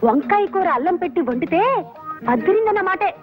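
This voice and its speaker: A woman's voice: extremely high pitch, expressive, fairly quick. An actress playing a wife who argues about curries and savors every dish she describes. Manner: dreamy, savoring food talk. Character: food-loving wife arguing over curries. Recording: dull film soundtrack with music.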